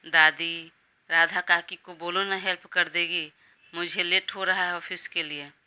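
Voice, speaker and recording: A woman's voice: lowish voice, steady tone, a little slow, bright, forceful tone, smooth. A woman voicing a stubborn young husband who answers curtly and with irritation. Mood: flustered. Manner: curt, irritated.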